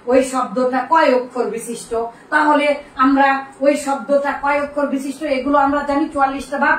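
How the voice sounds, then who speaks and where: In a classroom lesson on Arabic grammar, a woman whose voice sits high and fairly bright quizzes her students and repeats key terms. Faint noise, an echoey room, and a distant mic mark the recording.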